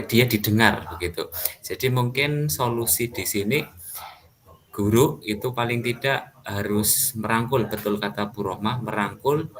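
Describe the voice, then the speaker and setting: A man teacher, giving his view in a measured, thoughtful way with fillers. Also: on the low side, fairly bright tone. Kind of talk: group discussion among teachers.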